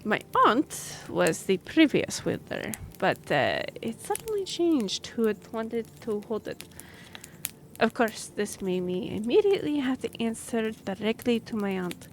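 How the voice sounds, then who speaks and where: A woman with a fairly high voice, wide pitch swings and a slightly slow pace plays a friendly young half-elf royal messenger in a one-sided fantasy audio roleplay. She sounds earnest and a little hesitant as she explains things, over a noisy track with background ambience.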